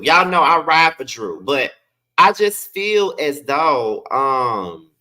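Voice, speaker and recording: A man's voice: medium pitch, bright, forceful tone. A man with a lisp and slushy s sounds, giving sassy, slangy, chatty live commentary as a review host. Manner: sassy, slangy, emphatic with swearing.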